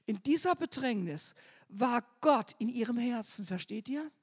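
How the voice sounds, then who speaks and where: Husky woman preaching with fervor. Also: on the high side, expressive, a little slow. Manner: fervent, swings from soft near-whispers to loud cries. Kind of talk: sermon.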